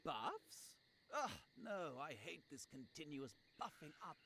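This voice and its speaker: High-voiced, swooping, theatrical paladin. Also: male voice, sing-song, a little slow, bright, forceful tone, slight background noise, full character voice. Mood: grudging. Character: vain, righteous male paladin in a fantasy spoof. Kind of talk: video game character acting. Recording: game music behind the voice.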